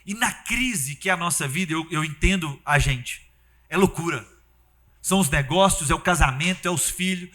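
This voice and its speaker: A high-pitched man preaches a sermon. His voice is bright and forceful, and he talks in a lively, conversational way, often dropping into acted-out quotes. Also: moderate pace. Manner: animated, conversational preaching with acted-out quotes and sudden loud bursts.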